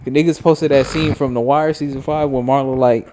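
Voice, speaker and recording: A man's voice: medium pitch, fairly even intonation, a little fast, darkish tone, slight background noise. A young man co-hosting a podcast, teasing his friends with crude, slangy frat-bro joking. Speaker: podcast co-host. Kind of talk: casual banter among friends.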